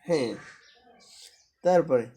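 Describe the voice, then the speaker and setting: A teacher leads a beginner through letter sounds, speaking slowly and with great patience. Each syllable is said clearly and then repeated so the learner can copy it. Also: mid-range voice, dark tone, a little hiss or hum. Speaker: Quran reading teacher. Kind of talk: live online class, drilling letter sounds.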